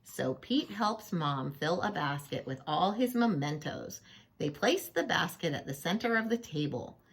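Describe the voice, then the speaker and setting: A woman reading a children's picture book aloud, playful and expressive, with chatty asides and questions to the listener. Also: fairly low pitch, measured pace, gravelly, slightly rough.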